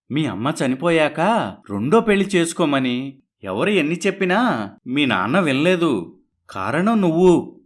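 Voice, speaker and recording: A man's voice: a little high, a bit bright. A man voicing a cheerful family doctor in a cartoon story, hearty and reassuring. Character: cheerful family doctor, father's old friend.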